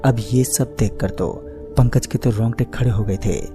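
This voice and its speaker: A man's voice: mid-range voice, normal speed. A man narrating a scripted horror story as a storyteller. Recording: faint music bed under the voice. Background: faint background music.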